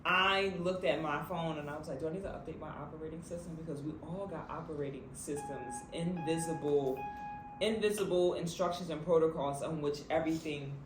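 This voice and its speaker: A man co-hosting a book club, talking through his thoughts on a book in a relaxed, thoughtful way. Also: a little high, a little fast, over music. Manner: relaxed and thoughtful, with light laughs. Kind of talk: casual chat. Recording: echoey room with faint background noise.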